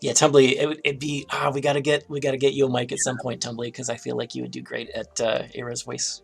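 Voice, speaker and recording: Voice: mid-range voice, completely flat delivery, fast, gravelly, husky, faint music behind. A game developer hosting a live stream in a casual, chatty style.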